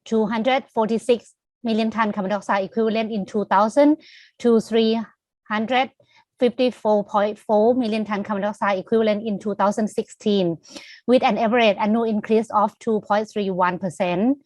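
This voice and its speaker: A woman's voice: medium pitch, steady tone, normal speed, darkish tone, dry recording. A woman giving a formal webinar presentation, steadily reading out statistics. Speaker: presenter from a Thai greenhouse gas agency.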